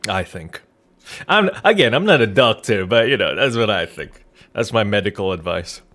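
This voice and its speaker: A fairly low-pitched man with a fairly bright tone livestreams a game, sounding animated at a moderate pace. Over background music, his rambling, joking chat includes casual swearing and an irreverent streak, captured by a Rode NT1-A studio condenser mic.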